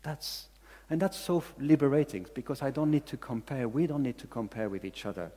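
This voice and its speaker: A Belgian pastor preaches a sermon in English, which isn't his first language, speaking earnestly and repeating key phrases for emphasis. His medium-pitched voice is warm and fairly quick, trailed by a long reverb.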